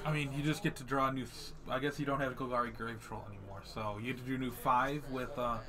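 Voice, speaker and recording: Young male guest commentator, mid-pitch, dry wit, loud tournament crowd behind. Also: steady tone, fast talker. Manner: dry jokes, analytical. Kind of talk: live game commentary.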